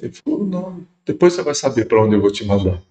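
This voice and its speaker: A middle-aged man, a bishop and podcast guest, telling a personal story in an animated way and acting out the dialogue he quotes. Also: medium pitch, fast talker. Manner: lively storyteller who acts out quoted dialogue.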